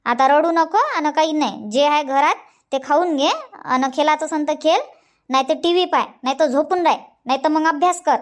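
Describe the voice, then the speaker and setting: A nagging old village grandmother from a cartoon comedy, voiced by an actor, with an extremely high, squeaky voice and a Vidarbha Marathi accent. She fires the same question again and again, chiding and coaxing. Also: normal speed, close to an everyday voice. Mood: scolding. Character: fussy nagging village grandmother, scolds and coaxes.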